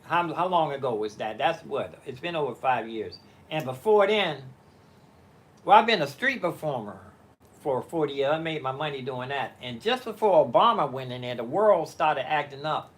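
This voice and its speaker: A man's voice: medium pitch, animated, normal speed. An older man on a live stream from his living-room home studio, talking casually. He meanders and halts, thinking aloud with many fillers and restarts. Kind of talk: rambling live-stream chat.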